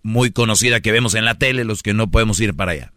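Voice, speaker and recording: A man's voice: on the low side, fast talker, bright, forceful tone, dry recording, clean studio sound. A male co-host with a Mexican accent, joking around in a laid-back, slangy way on a radio show. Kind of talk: casual radio banter.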